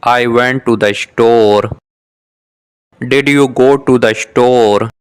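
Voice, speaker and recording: In this English lesson, a man with a steady, clean, mid-range voice reads short scripted beginner dialogues for shadowing practice. He gives each exchange twice, his delivery measured and his articulation careful.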